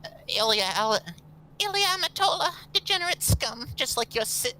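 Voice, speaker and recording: A man reading fan fiction aloud while voicing a meek, captive young cat-girl faunus woman in a strained, hesitant falsetto. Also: big pitch swings, normal speed, pushed and bright, full character voice, low-quality recording. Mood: cowed.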